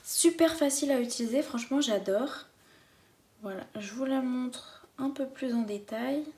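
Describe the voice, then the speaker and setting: A woman's voice: sits high, normal speed, darkish tone. A woman chatting enthusiastically as she unboxes a craft kit for her viewers. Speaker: craft vlogger. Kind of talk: casual unboxing chat.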